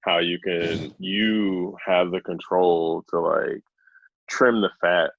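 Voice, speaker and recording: A man with a low, gravelly voice hosts a podcast in a laid-back, chatty way. He laughs easily. The sound is dry and a bit dull. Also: fairly even intonation, slow pace, a bit bright, no echo. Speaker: podcast host. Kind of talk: casual podcast chat.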